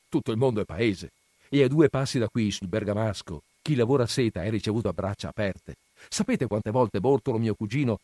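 A man's voice: fairly low pitch, a little mellow, no room sound, close to an everyday voice. A man reading aloud and voicing an earnest young peasant man in love who speaks eagerly and pleads.

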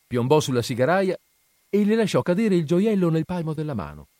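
A man narrating a fairy tale in an expressive, measured way. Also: a little high, no echo. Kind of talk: storybook reading.

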